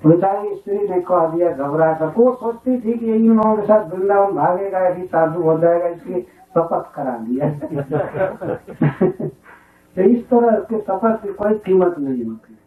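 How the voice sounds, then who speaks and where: A man's voice: sits high, measured pace. A man giving a scripture talk as a spiritual teacher, telling stories from his own village, often chuckling and reciting Sanskrit verses. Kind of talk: sermon-style storytelling. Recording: echoey hall, distant phone-like lo-fi 1996 tape.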